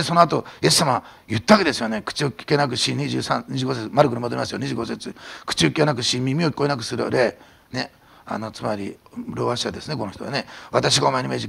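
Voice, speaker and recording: A middle-aged man preaching a sermon as pastor, swinging from hushed whispers to loud emphatic declarations. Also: medium pitch, vocal fry, husky. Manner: animated preaching, drops to a hushed whisper for emphasis, then shouts.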